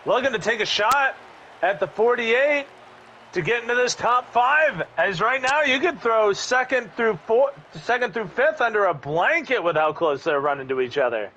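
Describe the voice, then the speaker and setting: A high-pitched man with a very bright, forceful voice commentates live on racing as it unfolds. He has an excitable delivery, and the audio is dull and lo-fi with a faint layer of noise. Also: normal speed. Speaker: race commentator.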